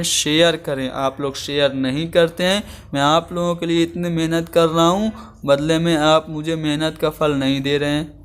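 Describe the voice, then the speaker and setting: Man, teacher, slightly high voice, patient step-by-step explaining. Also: clear, resonant tone. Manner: explains each term again in simple words, slows down for example sentences. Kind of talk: exam-prep lesson.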